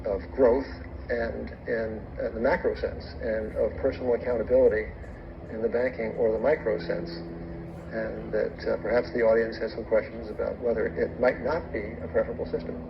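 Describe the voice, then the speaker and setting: Gravelly man debating, noisy muffled recording. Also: lowish voice, little pitch movement, moderate pace. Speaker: debate speaker. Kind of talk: formal public debate. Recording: dull recording with clear background noise.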